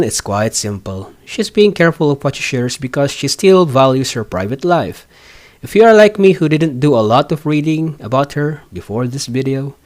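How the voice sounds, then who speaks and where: A man narrating a scripted commentary video in a wry, playful way, slipping in puns. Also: mid-range voice. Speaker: video essay host.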